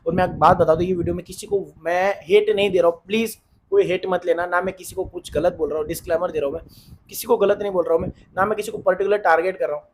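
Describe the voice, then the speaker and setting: Man, relationship advice, earnest, repetitive, high voice, rapid speech. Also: steady tone, slight background noise. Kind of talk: casual advice monologue.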